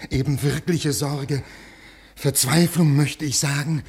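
A worn-out 50-ish man begging an official, high-ish gravelly voice, old radio play. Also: fairly even intonation, takes it slowly. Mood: pleading. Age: 50s. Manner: pleading, swinging from quiet to raised. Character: desperate fifty-year-old man pleading with an official. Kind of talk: classic radio drama acting.

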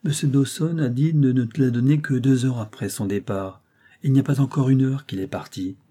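A man reading the part of an elderly, forgetful mother who speaks gently and plaintively, higher than his narrating voice. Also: a little fast, lightly acted. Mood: gentle.

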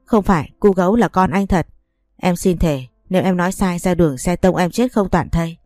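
A woman's voice: on the low side, brisk, darkish tone, no room sound, soft background music, lightly acted. A woman reading the lines of a tearful young wife begging her husband. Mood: pleading. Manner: begging, sobbing.

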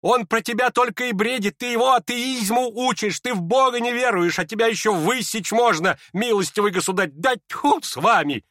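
A man's voice: very high voice, moderate pace, hardly any pauses, sharp tone, no echo, clean studio sound, pitched above the performer's own voice. A man reading an audiobook and voicing a hot-tempered older woman who scolds shrilly and indignantly. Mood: furious.

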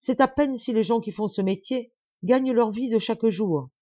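A woman's voice: on the high side, moderate pace, mellow, dry recording, dull audio, pitched above the performer's own voice, lightly acted. A woman reading the part of a dignified middle-aged baron who speaks with urgency and pleads. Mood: urgent.

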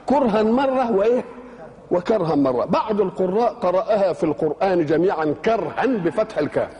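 Older Egyptian preacher, high quick voice. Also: male voice, darkish tone, in a large hall. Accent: Egyptian Arabic. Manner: rhetorical questions answered himself, colloquial asides. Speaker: Quranic exegete. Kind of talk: religious lecture.

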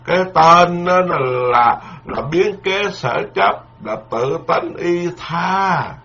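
A man's voice: sits high, animated, slow pace, creaky, sharp tone. A man, a Buddhist monk giving a dharma lecture in a folksy, repetitive, emphatic way, full of proverbs. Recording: dull lo-fi lecture recording.

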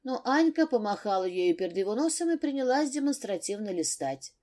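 A woman reads a novel aloud with lively, expressive intonation. Her voice is warm and mellow, and her delivery follows a clear script. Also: mid-range voice, fairly quick. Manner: expressive reading. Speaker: audiobook narrator. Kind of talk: scripted narration.

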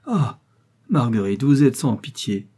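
A man's voice: medium pitch, sing-song, unhurried, dark tone, slightly rough. A man voicing a lovesick young man who declaims with emotion.

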